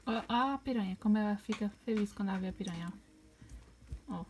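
A woman with a Brazilian Portuguese accent chatting casually in a home video, pointing things out and slipping into high baby talk for her pet bird. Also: fast, background noise.

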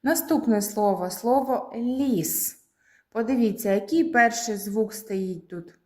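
A preschool teacher from Ukraine leading a lesson for small children, speaking slowly and clearly and drawing out the words. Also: female voice, on the high side, a little mellow.

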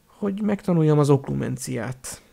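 A man's voice: on the high side, animated, vocal fry, mellow, exaggerated voice. A man voicing a sullen, defiant teenage boy wizard in an audiobook, answering reluctantly and muttering. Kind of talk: audiobook character reading.

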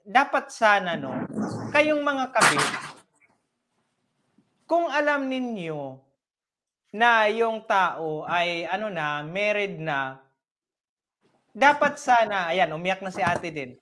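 A woman's voice: medium pitch, lively intonation, slow pace, long pauses, a bit bright, slight background noise. A Filipina woman hosting a vlog interview, chatty and blunt, talking straight to her viewers. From Philippines. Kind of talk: casual interview chat.

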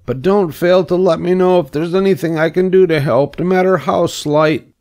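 A man's voice: high-pitched, moderate pace, a little mellow, voice pushed up. A man voicing an earnest, anxious young male pig in a storybook reading, pleading and eager.

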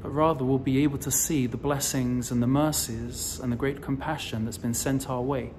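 A man in his forties giving a recorded sermon as a rabbi, telling the story slowly with emphatic rises, filmed close up on a phone indoors. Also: mid-range voice, fairly even intonation, noisy background. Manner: slow, deliberate storytelling delivery with emphatic rises. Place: indoors in front of a decorative wall. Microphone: phone or camera close to the face, selfie framing.

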